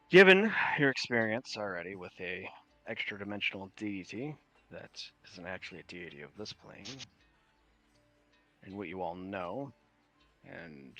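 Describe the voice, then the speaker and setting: A man with a New York accent voicing a grave, ancient male traveler from another world in a tabletop game, measured and pausing between phrases. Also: lowish voice, fairly bright tone, voice pushed down, heavily acted. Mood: solemn, revealing.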